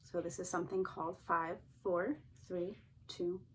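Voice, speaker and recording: A woman therapist calmly and gently guiding listeners through a grounding exercise. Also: fairly low pitch, moderate pace, slight background noise, rough recording. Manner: calm, gently instructing. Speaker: therapist teaching a technique. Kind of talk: calm guided grounding exercise.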